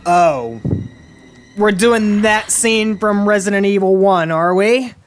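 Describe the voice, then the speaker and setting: An animated voice of indeterminate sex and middling pitch, doing casual let's-play commentary. The delivery is sarcastic, joking and foul-mouthed, with faint music behind it. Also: takes it slowly, clear, resonant tone. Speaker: host playing a video game.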